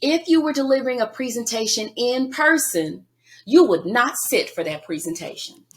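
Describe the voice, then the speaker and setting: A woman guest on a podcast interview, giving emphatic, lively coaching advice. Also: fairly high pitch, normal speed. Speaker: guest speaker.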